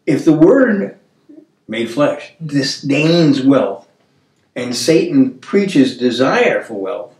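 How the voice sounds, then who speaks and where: A man's voice: medium pitch, sing-song, darkish tone, far from the mic. Older man in his 70s, earnest Bible-study host, tells stories with restarts; roomy, off-mic sound. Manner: earnest, storytelling, halting restarts. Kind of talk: casual Bible discussion. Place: dining room table, indoors.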